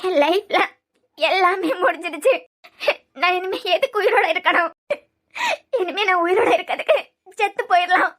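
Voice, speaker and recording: A woman's voice: very high-pitched, steady tone, fairly quick, fairly bright tone. A woman with a Kanyakumari Tamil accent voicing a tearful, despairing young woman in a cartoon serial. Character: distraught young woman, newly engaged.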